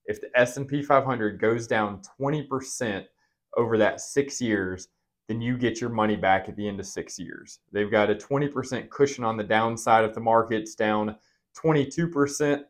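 A man's voice: lowish voice, normal speed. A man hosting a finance podcast, explaining things in a conversational way as a financial advisor.

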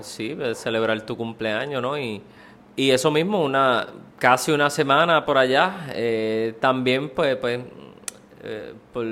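A man's voice: mid-range voice, a bit bright, a little hiss or hum. Hesitant Puerto Rican man, filler-heavy talk. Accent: Puerto Rican Spanish. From Puerto Rico. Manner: hesitant, many fillers like "pues" and "no?". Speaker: podcast co-host. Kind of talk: casual conversation.

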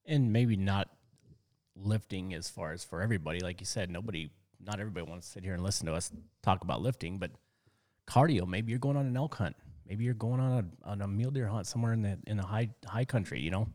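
Low-voiced teasing podcast co-host. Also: male voice, quick pace, a little mellow, big-room sound. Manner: teasing, joking banter. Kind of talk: casual chat.

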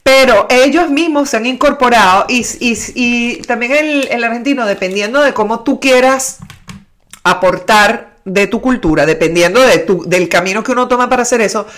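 A woman's voice: on the high side, normal speed, fairly bright tone. A Venezuelan woman in casual chat, rambling and restarting her sentences. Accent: Venezuelan Spanish. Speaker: conversation partner.

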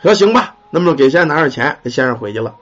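A man telling a ghost story in an earthy, animated way and swearing casually. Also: a little high, quick pace. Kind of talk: colloquial ghost story narration. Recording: dull lo-fi recording.

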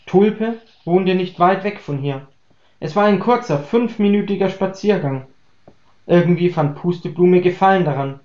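A man reading a German story aloud in a calm, even audiobook voice. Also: high-pitched, normal speed. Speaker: story reader. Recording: roomy, dull lo-fi recording.

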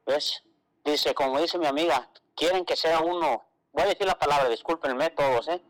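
A man's voice: on the high side, normal speed, rough recording. A man co-hosting a radio show, telling a story in a casual chatty way and quoting others. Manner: storytelling, quotes others, calls co-host "güerita". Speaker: radio co-host.

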